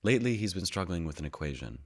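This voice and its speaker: An actor playing the Higgs boson as a calm, all-knowing narrator, telling his story in a measured way and sinking often into hushed whispers. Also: low-pitched, breathy edge, heavily acted. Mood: wry storytelling. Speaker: actor performing a stage monologue. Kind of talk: theatrical monologue.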